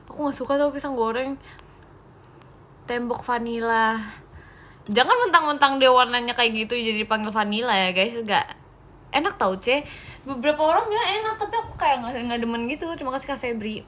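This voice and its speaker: A young woman chats casually on her live stream, reading comments aloud and joking back with fans. Her voice sits a little high and bright. She sounds playful and giggly, often addressing viewers as "guys.". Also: brisk, long pauses.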